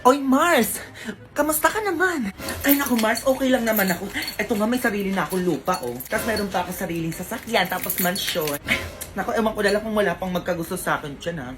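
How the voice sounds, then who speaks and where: A woman's voice: medium pitch, lively intonation, fast, background noise. A woman performing a comedy skit, talking in brash, teasing banter. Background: background music.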